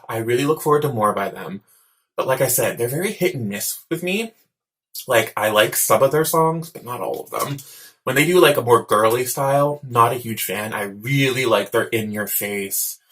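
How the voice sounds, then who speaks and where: A man's voice: medium pitch, a bit bright. A man giving casual reaction commentary as a host, talking in an effusive, campy, slangy way. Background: music videos playing.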